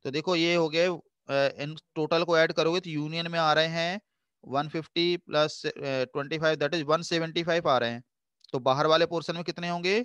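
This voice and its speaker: Male teacher, patient and coaxing, slightly high smooth voice, dry close sound. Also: steady tone, fairly bright tone, no room sound. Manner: patient, coaxing, calls students "beta"; slows down to read formulas aloud in English. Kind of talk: math revision lecture.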